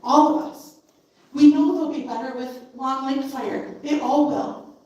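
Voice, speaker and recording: A woman speaking at a public comment podium, forceful and insistent, driving her points home with repetition. Her voice sits a little high and sounds distant, caught in a very echoey council chamber. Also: fairly even intonation, a little slow. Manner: forceful, insistent, repeats for emphasis. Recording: very echoey hall from far off.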